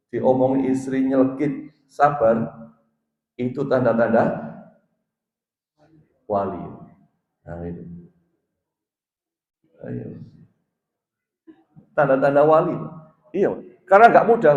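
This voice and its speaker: Guy preaching at a mosque, mid pitch, gets loud n emphatic, roomy muffled sound. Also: slow pace, long pauses. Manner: animated, rising to loud emphatic peaks, asks listeners directly. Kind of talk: mosque sermon after dawn prayer. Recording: roomy, dull mosque PA recording.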